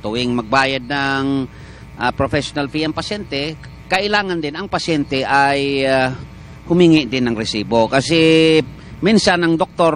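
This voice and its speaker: A man with a Filipino accent speaks as a guest doctor on a morning television program. His voice sits a little high, and he explains in a careful, measured way, often pausing on "ah." A faint hiss runs under the studio sound. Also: a bit bright. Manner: measured, explanatory, frequent "ah" fillers. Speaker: doctor of a medical association, guest. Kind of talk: morning TV interview.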